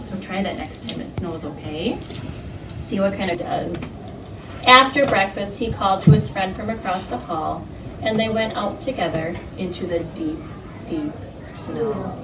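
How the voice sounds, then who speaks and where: A woman with a lowish voice reads interactively to young children at a moderate pace. Simple instructions, questions and prompts come frequently. The setting is a carpeted classroom, and the recording is echoey and noisy from a distant mic.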